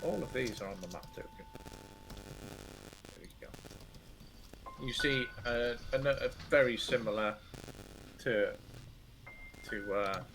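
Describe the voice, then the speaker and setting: Slow-talking man running a fantasy game. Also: on the low side, creaky, over music, rough recording. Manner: halting, informal, mild swearing. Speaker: game master. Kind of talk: improvised narration of a tabletop fantasy game.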